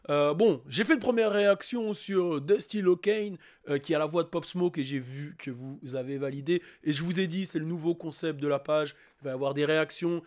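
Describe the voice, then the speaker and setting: A man hosting a YouTube reaction video, talking casually and excitedly to his viewers with lots of fillers. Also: on the high side. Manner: excitable, hyped, chatty with many fillers.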